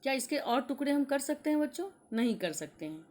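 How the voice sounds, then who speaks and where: A woman teacher giving a grammar lesson to young pupils, speaking slowly and deliberately and sounding out letters one at a time. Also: sits high, big pitch swings, a little mellow. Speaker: school teacher.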